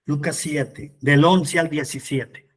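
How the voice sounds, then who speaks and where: A man leads a Bible study as its preacher. His voice sits high for a man. He moves between reading scripture aloud and fervent appeals to the people listening. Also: fairly even intonation, takes it slowly, breathy edge.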